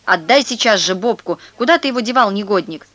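A woman's voice: medium pitch, sing-song, normal speed, dry recording. A woman reading a children's story aloud, voicing a neighbor woman who screeches and scolds. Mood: scolding.

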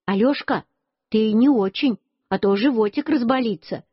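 A woman doing a fretful, excitable mother. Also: fairly high pitch, moderate pace, husky, dry recording. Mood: anxious. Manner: anxious, exclaiming. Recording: dull lo-fi dry recording.

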